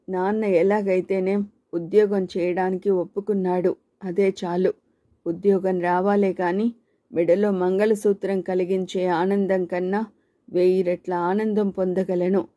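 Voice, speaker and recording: A woman narrates a story in the first person, holding a steady, measured pace with even pauses. Her voice is deep and mellow, and it hardly rises or falls. The recording is dry and close, with no room sound. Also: no room sound.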